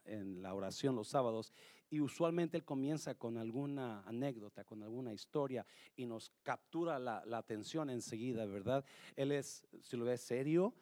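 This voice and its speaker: A man's voice: mid-range voice, dry recording. A man, the pastor, introducing a guest speaker to his congregation in a church. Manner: warm, rising into an enthusiastic call for applause. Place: church hall.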